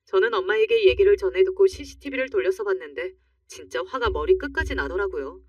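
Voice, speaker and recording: A woman's voice: medium pitch, a little fast, no echo. Woman narrating a true-life story. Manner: calm, confiding first-person telling. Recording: dry, muffled, slightly distant.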